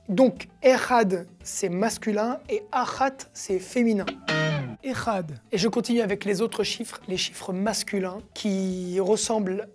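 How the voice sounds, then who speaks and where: A woman teaching a recorded language lesson, patiently explaining and repeating words slowly. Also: mid-range voice, darkish tone.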